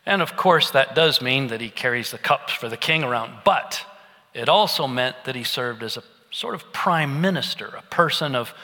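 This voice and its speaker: A man's voice: fairly high pitch, sharp tone. A middle-aged man preaching an expository sermon, teaching in a conversational, storytelling way. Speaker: pastor. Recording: long reverb of a large hall.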